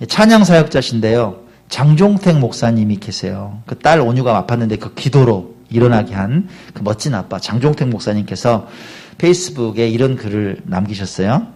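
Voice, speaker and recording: Male pastor, middle-aged, Sunday sermon, asks the congregation questions, lively pitch. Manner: animated preaching, questions the congregation directly. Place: church service.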